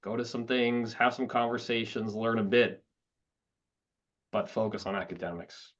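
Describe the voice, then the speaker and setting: A man's voice: fairly low pitch, level tone, normal speed, fairly bright tone. A man who advises law students on careers, speaking on a panel and thinking aloud with frequent restarts. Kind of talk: panel discussion. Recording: slightly dull lo-fi audio.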